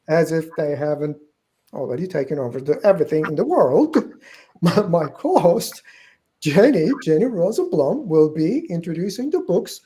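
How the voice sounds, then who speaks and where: A middle-aged man with a Turkish accent, a company founder, hosts and introduces a live book-sales stream, chatting, joking, and correcting himself as he goes. His voice is a little high with a dark tone, and the recording is rough.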